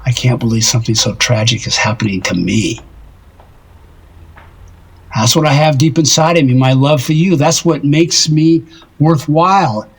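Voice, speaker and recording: Adoring in mood, an actor in an audio drama portrays a lovesick older married man who puts himself down, rambling wistfully with a husky, halting voice. His voice is mid-range, captured in a low-quality recording.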